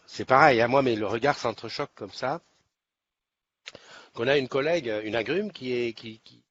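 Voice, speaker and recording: A man's voice: medium pitch, moderate pace, fairly bright tone. Chatty rambling man hosting a livestream. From Nice, France. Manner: rambling, chatty, many restarts. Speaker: livestream host. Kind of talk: casual live chat. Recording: slightly dull sound, faint background noise.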